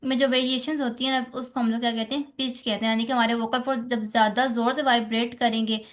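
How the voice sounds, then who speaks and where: A woman's voice: a little high, level tone, fast. A woman with a Pakistani accent giving a lecture on phonetics, explaining step by step, asking rhetorical questions and checking in with "theek hai". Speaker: teacher. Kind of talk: exam-focused lecture on phonetics.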